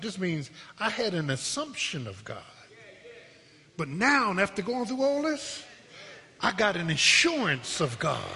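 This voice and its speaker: Man, pastor, call-and-response sermon, bright and sharp, lively pitch. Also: creaky. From South Philadelphia. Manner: call-and-response preaching, repeats words, rising to shouts. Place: church sanctuary. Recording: long hall reverb.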